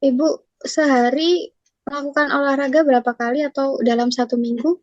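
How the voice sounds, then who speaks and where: A young woman in a class role-play plays a nutrition counselor, asking formal, polite questions one after another in a scripted consultation. Her high, slightly mellow voice is brisk and steady, recorded dry and muffled in lo-fi with no room sound.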